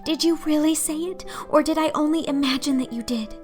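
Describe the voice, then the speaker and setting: A woman's voice: high-pitched, fairly quick, over music, voice pushed up, lightly acted. A woman voicing a dreamy, passionate young orphan girl in a breathless, emphatic storybook performance. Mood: breathless hope.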